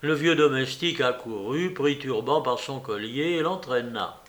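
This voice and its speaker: Narrating a novel aloud, a man with a medium-pitched voice tells the story in a steady, measured way.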